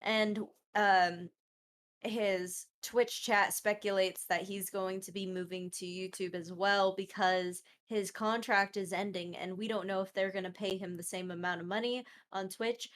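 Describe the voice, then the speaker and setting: A woman's voice: medium pitch, steady tone, unhurried, fairly bright tone. A woman co-hosting a casual podcast, a streamer herself, chatty and hedging her points with asides and fillers.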